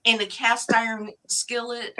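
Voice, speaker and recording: Woman, casual chat, slow unhurried speech, bright voice, opinionated and jokey. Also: fairly high pitch, little pitch movement, poor audio. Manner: opinionated, joking, laughs often. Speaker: chat show participant.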